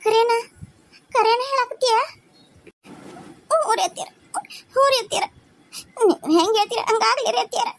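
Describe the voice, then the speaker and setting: A woman's voice: very high voice, brisk, long pauses, a little hiss or hum. A woman voicing a tearful young daughter-in-law in a cartoon family drama, crying and pleading respectfully in a North Karnataka Kannada accent.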